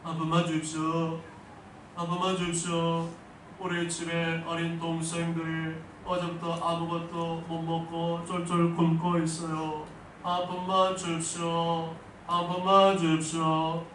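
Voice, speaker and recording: Man doing a desperate blind beggar, pleading, loud drawn-out cries, raised pitch, echoey distant hall. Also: monotone, slight background noise. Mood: begging.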